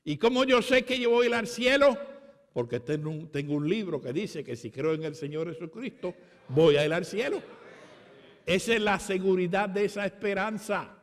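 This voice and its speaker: A man's voice: sits high, moderate pace. A Puerto Rican man preaching a sermon at a conference, with emphatic, repeated declarations. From Puerto Rico. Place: conference hall. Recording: long hall reverb.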